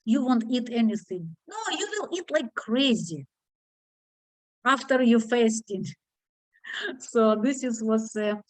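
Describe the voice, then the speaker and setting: A woman's voice: a little high, expressive, dry recording, rough recording. Woman with a foreign accent, hesitant. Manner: halting, many fillers and restarts. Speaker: discussion group leader. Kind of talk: online group discussion.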